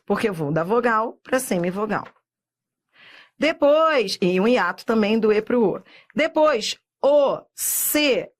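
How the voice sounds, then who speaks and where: A middle-aged woman with a Brazilian Portuguese accent, teaching a recorded exam-prep lesson and drawing words out slowly, often checking in with "tá?". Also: mid-range voice, lively intonation. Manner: slow, drawn-out spelling of words with frequent checks like "tá?".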